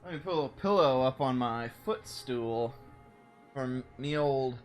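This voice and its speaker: A young man chatting casually through a game stream, rambling and excitable, exclaiming at the game as he plays at home. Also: mid-range voice, moderate pace, faint music behind. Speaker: let's play streamer. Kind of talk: casual gameplay commentary. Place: home room.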